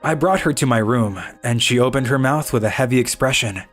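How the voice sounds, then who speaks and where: Over background music, a man voices an earnest, kind schoolboy narrating his own story in scripted animation style, mixing narration with voiced dialogue. His mid-range voice is brisk and a bit bright.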